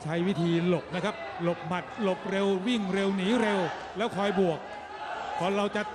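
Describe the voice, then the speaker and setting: High-voiced man analysing excited boxing commentary. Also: normal speed. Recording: loud crowd and music behind. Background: very loud crowd, music.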